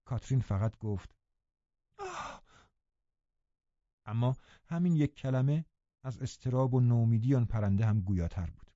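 A man narrating a novel in the first person with expressive storytelling. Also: mid-range voice, no room sound, muffled recording. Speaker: audiobook narrator.

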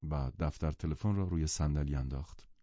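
Give me a male narrator reading a novel aloud, with a dark tone and a dry, lo-fi sound. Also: rumbling low, no room sound. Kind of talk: audiobook reading. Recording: dull lo-fi audiobook sound.

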